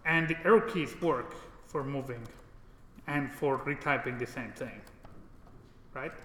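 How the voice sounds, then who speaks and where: A programming instructor from Mexico speaks at medium pitch and a measured pace, his tone bright and forceful, in an informal indoor classroom lecture. He's casual and regularly uses short tag questions to seek agreement. The room is reverberant and echoey, with noise in the background.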